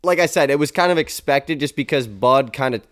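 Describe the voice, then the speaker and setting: Stuffy-nosed young podcast host. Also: male voice, mid-range voice, a little fast, fairly bright tone. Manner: upbeat, chatty with filler words. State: stuffy, congested voice. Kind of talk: casual sports podcast chat.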